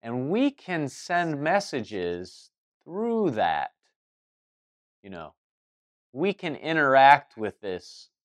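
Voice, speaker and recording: A man's voice: medium pitch, huge pitch swings, drawn-out words, long pauses. A man giving a loose spoken monologue as host, restarting sentences and circling back with fillers as he talks. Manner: rambling, many restarts and fillers. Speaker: spiritual talk host.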